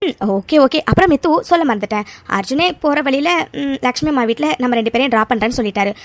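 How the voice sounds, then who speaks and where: A woman voicing a chatty young friend, quick and high. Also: expressive, dry recording. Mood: breezy.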